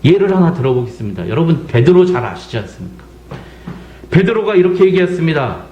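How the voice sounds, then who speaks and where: A man's voice: on the high side, very animated, fast talker, dark tone, highs cut off, slight background noise. A middle-aged man from South Korea preaching a sermon as pastor, acting out quotes and asking the congregation pointed questions. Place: church sanctuary. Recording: echoey church sanctuary.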